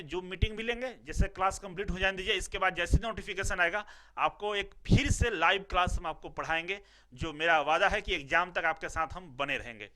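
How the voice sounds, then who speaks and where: A man's voice: high-pitched, sharp tone. A male teacher giving a recorded lecture who explains step by step, repeats himself and often checks in with his students.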